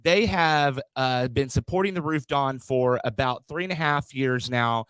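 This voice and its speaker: A podcast host in a studio reads out sponsors and introduces a guest in a hyped-up way, stumbling over and repeating his words. His mid-range voice is smooth, a bit bright, and a little slow. The recording is low quality but has no room sound.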